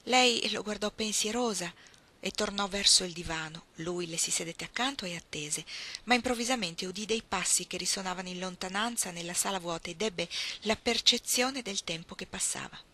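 Bright-voiced woman reading a novel. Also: mid-range voice, normal speed. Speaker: reader.

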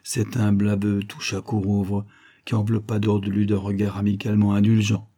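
A man narrates an old-fashioned novel in a measured, storytelling manner. His voice is low and mellow with a breathy, husky edge. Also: completely flat delivery. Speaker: audiobook reader. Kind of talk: literary narration.

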